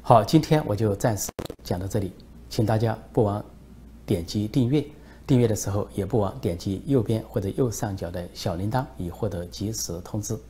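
A man's voice: lowish voice, normal speed, warm tone, slight background noise. A man giving solo political commentary in an emphatic way, with frequent fillers.

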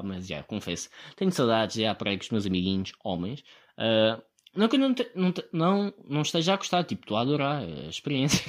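A young man with a European Portuguese accent, hosting a solo podcast in a rambling, sarcastic way. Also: medium pitch. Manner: sarcastic, mocking impressions of others; rambling and animated. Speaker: podcast host. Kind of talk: casual solo podcast monologue.

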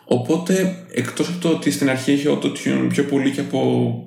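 A woman's voice: very deep voice, fairly even intonation, gravelly, darkish tone. A woman chatting with friends, explaining things in a matter-of-fact way. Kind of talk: casual group chat. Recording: echoey room.

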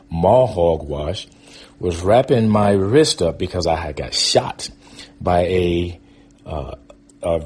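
An American man of around fifty, with a low, husky, darkish voice, shares stories from his own life as a guest storyteller. His telling is casual, rambling and conversational.

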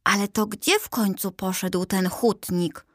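A naive, curious young adventurer in a storybook, as a woman reads him, raised in pitch and eager. He asks slow, wondering questions in a close, dry sound. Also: dry recording, lightly acted.

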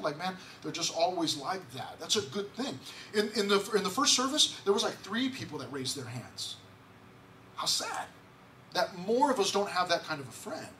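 A man's voice: high voice, bright, forceful tone, slight background noise. A male pastor preaching a conversational sermon in a church, often repeating words and asking the congregation questions. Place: church sanctuary.

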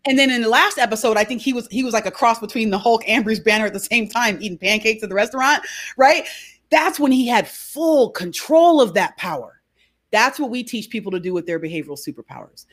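A woman speaking as a guest in an interview, a behavior coach who explains her ideas through lively stories and keeps asking "right?". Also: a little high, brisk. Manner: animated storyteller, frequent "right?". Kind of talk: conversational interview.

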